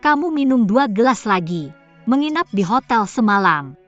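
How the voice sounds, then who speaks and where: A woman's voice: a little high, sing-song, moderate pace. A woman acting a hurt, defiant young woman arguing with her partner in a dubbed drama. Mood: hurt, reproachful. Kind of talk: dubbed serial drama dialogue. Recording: dull lo-fi audio, music behind.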